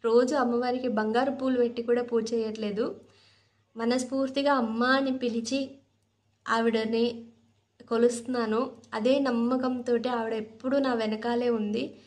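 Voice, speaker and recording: A woman's voice: a little high, little pitch movement, normal speed, a little mellow. Earnest woman telling a heartfelt story. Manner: earnest, heartfelt, sincere retelling with reenacted dialogue. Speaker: storyteller sharing a personal experience. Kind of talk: emotional personal storytelling.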